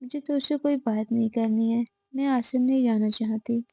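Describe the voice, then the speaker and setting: A woman's voice: a little high, steady tone, normal speed, mellow, no room sound. Woman reading a stubborn scolding old mother-in-law. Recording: dull lo-fi audio.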